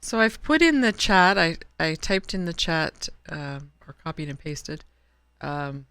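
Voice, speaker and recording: A woman hosting a live writers' stream, talking in a soft, halting way with many restarts. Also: deep voice, big pitch swings, clear, resonant tone, no echo. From Canada. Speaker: host of a writers' open mic stream. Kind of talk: casual chat wrapping up a live stream.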